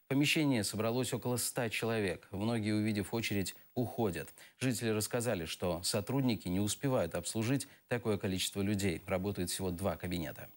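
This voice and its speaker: A man reads television news narration in a formal, steady voice. His pitch sits a little low, and the delivery stays even and composed throughout. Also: brisk, hardly any pauses. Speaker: news reporter.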